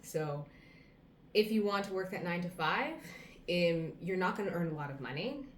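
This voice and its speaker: With lively intonation and a lowish voice, a woman in her thirties from the United States vlogs casually to camera, earnestly running through advice point by point at a moderate pace. A faint hum and roomy echo fill the recording.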